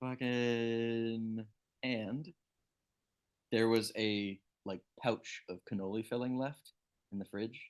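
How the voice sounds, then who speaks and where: A man's voice: mid-range voice, flat delivery, slow. A young man co-hosting a podcast in casual banter, rambling and crude, often losing his thread. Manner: rambling, crude, trails off and restarts. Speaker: podcast co-host.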